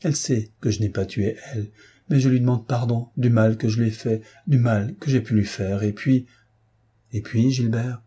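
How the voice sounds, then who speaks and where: A man reading an audiobook voices a young condemned prisoner who pleads in a breaking, high voice. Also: steady tone, normal speed, mellow, slightly rough. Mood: resigned soft.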